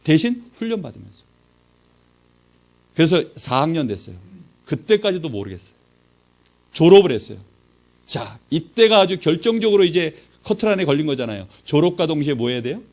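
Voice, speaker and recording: A man's voice: on the high side, sing-song, a little fast, pauses often, a little mellow. A man giving a sermon-style testimony as a pastor, telling his story with rhetorical questions and acted-out dialogue. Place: church training session.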